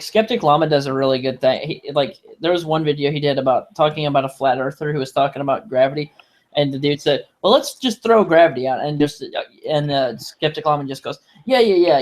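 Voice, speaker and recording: A man with a slightly high voice chats on a casual livestream call. He rambles loosely and drops profanity all the time. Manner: heavy casual swearing, rambling.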